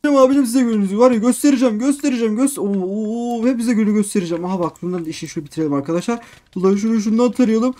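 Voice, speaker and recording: A man giving excited let's-play commentary on a game, repeating phrases in quick bursts and constantly addressing his viewers. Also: sits high. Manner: excitable, keeps calling viewers "abicim" and "arkadaşlar". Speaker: gaming YouTuber.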